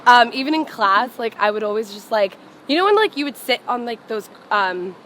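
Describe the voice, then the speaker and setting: A young Los Angeles-born and raised singer, whose first language is Farsi, chats casually in an interview outdoors on a sidewalk. She laughs often and peppers her speech with "like." Her voice is fairly high, slightly bright, and lively, and a little fast, with street noise in the background.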